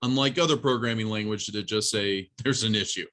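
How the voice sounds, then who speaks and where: In an informal college programming class, a man with a fairly low-pitched, fairly bright voice talks briskly through a live demo. He speaks to the students directly in a plain, instructive way.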